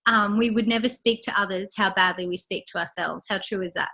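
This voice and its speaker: A woman's voice: medium pitch, steady tone, a little fast, sharp tone. A woman leading a casual training call, chatty and upbeat, a bit congested and out of breath. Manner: chatty, upbeat, lots of fillers. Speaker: team leader hosting a training call.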